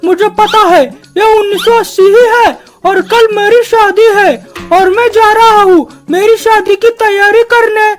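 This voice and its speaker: A woman's voice: extremely high pitch, slow, hardly any pauses, over loud music, pitched above the performer's own voice. A woman voicing a dazed bald male politician in a cartoon comedy, giddy about his wedding. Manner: giddy, excited.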